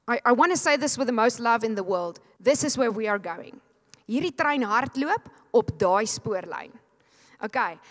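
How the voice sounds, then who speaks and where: A middle-aged woman preaches with fervent conviction, her fairly high voice pressing the congregation to answer back. Her words ring out with the long reverb of a church sanctuary. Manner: fervent, exhorting, leads the congregation in call and response. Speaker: pastor. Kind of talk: sermon.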